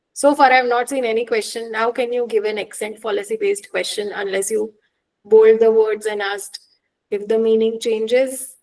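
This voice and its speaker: A woman teaching an online exam-prep lecture, explaining with examples and checking understanding with quick questions. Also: fairly high pitch, a little mellow, rough recording.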